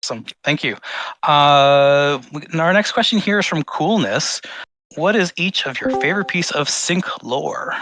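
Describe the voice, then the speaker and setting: A male host reading out audience questions in a brisk, upbeat way. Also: a little high, expressive, pushed and bright, no room sound, low-quality recording.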